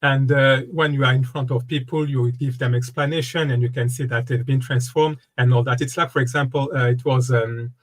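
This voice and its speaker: This middle-pitched guest is a wellness coach and speaker in his fifties, originally from the Democratic Republic of Congo. Chatting in a laid-back interview, he stumbles forward haltingly, peppering his speech with fillers and starting sentences over.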